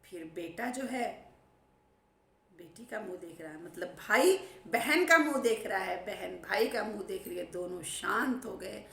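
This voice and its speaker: A woman's voice: medium pitch, lively intonation, measured pace, creaky, a bit bright. Woman telling a moral folk story, echoey. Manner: plain spoken, loose retelling with fillers.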